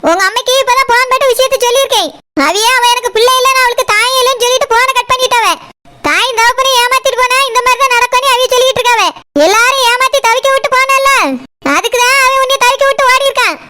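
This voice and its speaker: A woman voicing a sharp-tongued, scolding cartoon house owner with a Kanyakumari Tamil accent. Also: very high-pitched, steady tone, fast, noisy background. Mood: scornful. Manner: scornful, scolding. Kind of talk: cartoon voice acting.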